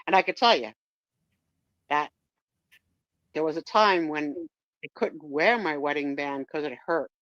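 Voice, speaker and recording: A woman's voice: low-pitched, measured pace, long pauses, a bit bright, dry recording, dull audio. A woman chatting casually on a live stream, telling a rambling personal story.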